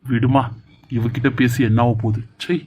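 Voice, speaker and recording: Cartoon husband, hot-tempered and gruff, mid-pitched, dark tone, a man voicing. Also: flat delivery, moderate pace, dull audio, natural voice. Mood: angry. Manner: gruff, commanding. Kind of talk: Tamil cartoon serial voice acting.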